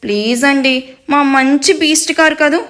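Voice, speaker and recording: A woman's voice: high-pitched, normal speed, fairly bright tone. Woman doing a grumbling, sulky young wife. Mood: sweet-talking. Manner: sulky, muttering complaints, then sweetly pleading.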